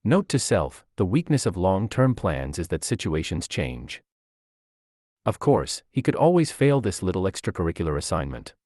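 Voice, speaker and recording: A man narrating a fan fiction story aloud in an expressive, lively storytelling manner. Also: low voice, moderate pace, no room sound, clean studio sound.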